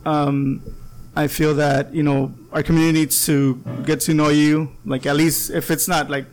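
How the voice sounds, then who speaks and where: A man's voice: on the high side, flat delivery, moderate pace, darkish tone. A man hosting a small-town podcast interview, rambling with lots of ums and likes. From Southern California border town. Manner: rambling, many fillers. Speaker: podcast host.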